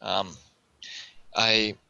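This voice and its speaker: Emphatic male podcast co-host with a sharp, gravelly voice on a dull lo-fi recording. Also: fairly low pitch, level tone, extremely slow, no echo. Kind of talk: casual panel discussion.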